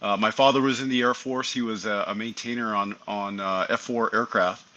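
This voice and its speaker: A middle-aged man with a lowish, forceful, bright voice talks as a guest on an aviation interview. He recounts his path into flying in an animated, chatty way, sometimes acting out old conversations. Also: brisk, muffled recording. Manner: animated, acts out remembered dialogue. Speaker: airline pilot guest. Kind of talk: casual interview storytelling.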